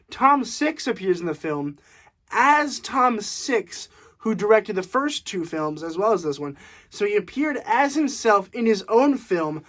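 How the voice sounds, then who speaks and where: Young guy ranting about a movie at home, laughs a lot, lots of "like" and "um". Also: high voice. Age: young adult. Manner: animated, laughing, with frequent fillers. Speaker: movie reviewer. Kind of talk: casual movie review. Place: room at home.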